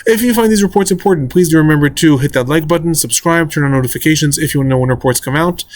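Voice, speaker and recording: A middle-aged man delivers a scripted daily news analysis at a quick clip. His voice sits slightly high, and he lays out quotes and their implications in a measured, explanatory way. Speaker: political science fellow presenting a daily news report.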